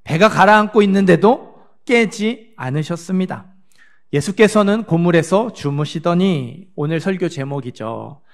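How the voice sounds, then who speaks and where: High, gravelly-voiced male pastor preaching. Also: expressive, a little slow. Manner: asks the congregation questions and answers them himself; acts out the disciples' frantic words in a higher voice. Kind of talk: Sunday sermon. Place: church sanctuary.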